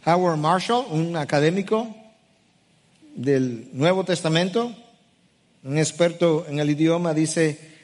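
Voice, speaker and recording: A man's voice: fairly high pitch, slow pace, long pauses, long reverb tail. A middle-aged man, a pastor preaching a sermon emphatically and restating scripture verses as he explains them.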